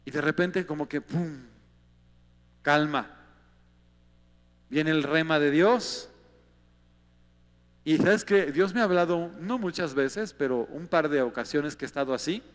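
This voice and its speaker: A man's voice: on the high side, measured pace, long pauses, in a large hall. A man with a Mexican accent preaching a sermon as a pastor, talking conversationally and often asking his listeners rhetorical questions.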